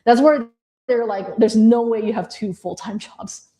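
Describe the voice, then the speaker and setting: A woman's voice: a little high, a little slow, dark tone. A woman who grew up in Indonesia, giving an encouraging presentation on visas to designers, speaking to the audience in a friendly, direct way. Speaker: immigration advisor presenting to designers. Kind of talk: presentation talk.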